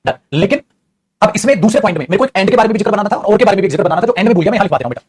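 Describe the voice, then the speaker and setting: A man's voice: high voice, expressive, racing, a little mellow, husky. A man with an Indian accent teaching an English grammar lesson in Hindi, repeating each point and calling his students "beta".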